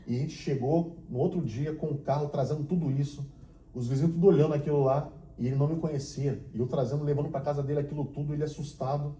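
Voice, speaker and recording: Homem pastor, voz escura, igreja ecoante. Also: male voice, on the high side, quick pace, reverberant. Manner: storytelling, acting out dialogue, shifting from hushed to excited. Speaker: pastor and missionary. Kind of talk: testimony sermon. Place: church.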